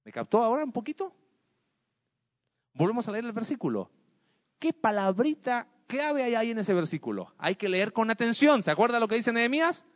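A man's voice: very high-pitched, big pitch swings, fairly quick, long reverb tail. A man teaching a Bible study lesson. He asks his listeners questions, answers them himself and explains with everyday examples.

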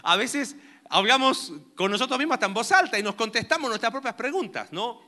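Young male pastor with a bright, forceful voice who keeps quizzing his congregation. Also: very high-pitched, animated, fairly quick. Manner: conversational, asks the listeners many rhetorical questions. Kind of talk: sermon.

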